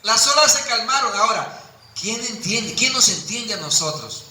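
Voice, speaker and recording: A man preaches with fervor and acts out the voices of the people he quotes. His voice is high and strikingly bright. It rings through an echoey room over a faint background ambience. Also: lively intonation, moderate pace. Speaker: pastor. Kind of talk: sermon.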